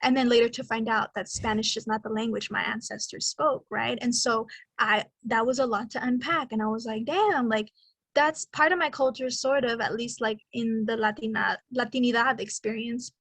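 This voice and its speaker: On a low-quality recording with no room sound, a twenty-something Mexican American woman co-hosts a podcast. Her voice leans high, somewhat bright and husky, and she rambles reflectively in casual talk full of fillers.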